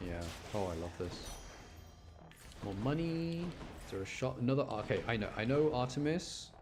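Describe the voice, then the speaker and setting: A man with a lowish voice and a British accent streams a game, chatting informally and thinking aloud as he plays. Music plays behind him, and there's background noise.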